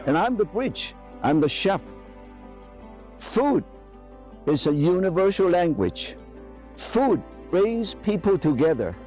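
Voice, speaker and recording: A man's voice: high voice, very animated, slow pace, long pauses, darkish tone, soft background music. An older man from Guangzhou with a Cantonese accent, presenting a documentary to camera in enthusiastic, emphatic English with broken phrasing. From Guangzhou, China. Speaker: chef and presenter.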